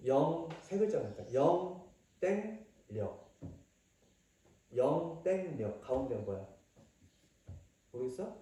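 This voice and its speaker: A male pastor giving a family sermon, coaxing children with questions and sometimes acting out a shouting father. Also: mid-range voice, sing-song, takes it slowly, long pauses. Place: church hall. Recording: very echoey hall from far off.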